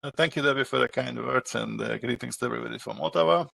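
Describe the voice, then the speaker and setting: Gravelly Hungarian-accented man, halting speech. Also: mid-range voice, fairly bright tone, no echo. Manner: halting, many filler pauses. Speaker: property manager guest. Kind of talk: interview answers.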